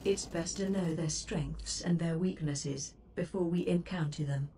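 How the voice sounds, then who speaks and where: This mellow, low-leaning female voice belongs to a calm shipboard computer assistant in a game. Her scripted advice comes out formal, measured, and exact. It was captured from a game stream, a bit distant and noisy.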